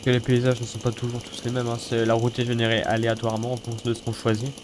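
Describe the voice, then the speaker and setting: With a head cold clogging his nose, a gaming video host rattles off fast, monotone let's-play commentary in a medium-pitched voice, casual and sweary with plenty of mock grumbling. The recording is noisy, full of a game car engine and mechanical clatter.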